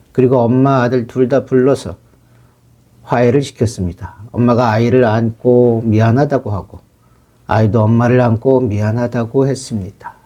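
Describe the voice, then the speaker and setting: A man's voice: medium pitch, mellow, highs cut off. A middle-aged counselor talking through a family case in a firm, lecturing way, re-enacting his stern talk with a child. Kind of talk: spoken commentary on a counseling case.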